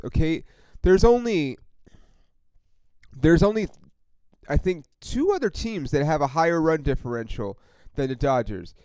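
A man's voice: on the high side, darkish tone, smooth, no echo, rough recording. A man hosting a casual solo sports podcast, rambling and swearing with lots of fillers as a frustrated fan. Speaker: podcast host.

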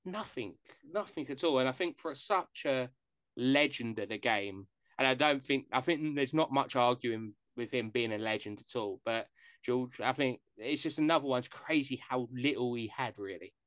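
A man's voice: medium pitch, normal speed, fairly bright tone, no echo. A man hosting a casual podcast chat, jokey and rambling. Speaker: podcast host.

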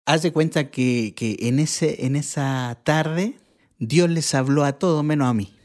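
A man from Chile, a church bass player, telling his testimony in a relaxed chat and acting out the people he quotes. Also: unhurried. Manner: animated, acts out the people he quotes. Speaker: guest sharing his testimony. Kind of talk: casual storytelling.

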